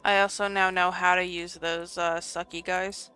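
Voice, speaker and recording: A woman's voice: on the low side, flat delivery, moderate pace, sharp tone, clean tone, faint music behind. A woman giving casual gameplay commentary as she works through a video game. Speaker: game streamer.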